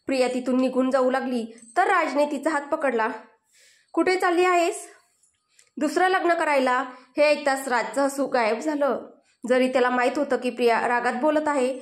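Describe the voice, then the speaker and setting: A woman narrating a romantic story in a steady, calm reading voice. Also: high-pitched. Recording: roomy echo.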